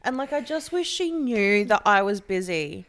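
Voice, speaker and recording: Playful young woman co-host, quick banter. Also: mid-range voice, sing-song, fairly bright tone. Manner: playful banter, quick teasing asides and frequent laughter. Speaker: podcast co-host. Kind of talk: casual chat.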